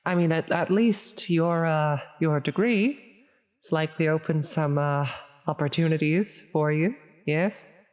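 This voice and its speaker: Cast as a menacing, grandiose she-demon in an ASMR audio piece, a woman speaks in a deep, darkish voice swallowed by long reverb. Her delivery is very slow, halting and grandly formal, and her mood turns increasingly flustered and concerned.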